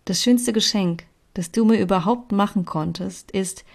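A woman reading as a soft, tender young woman. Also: medium pitch, moderate pace, gravelly, breathy edge.

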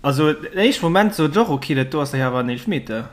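Gelassener Mann mit luxemburgischem Akzent. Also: male voice, fairly high pitch, lively intonation, quick pace. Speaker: podcast co-host. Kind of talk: casual sports chat.

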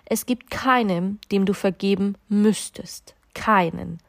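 A woman voicing a gentle, patient God in a storybook reading, speaking slowly and softly. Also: medium pitch, creaky, no echo, studio quality.

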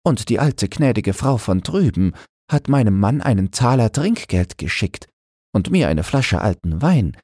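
A man's voice: lowish voice, big pitch swings, measured pace, a little mellow, slightly rough, dry recording, clean studio sound, voice pushed up, exaggerated voice. A man voicing a kindly, devout wife of a river boatman in a storybook reading. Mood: fond. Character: old woman, a boatman's wife, gentle and devout.

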